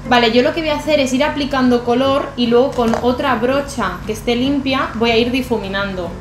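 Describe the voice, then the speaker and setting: A young adult beauty vlogger with a Spain Spanish accent chats casually through a makeup tutorial in a small, bright bedroom. Her voice is on the high side and brisk, and the echoey room has background music.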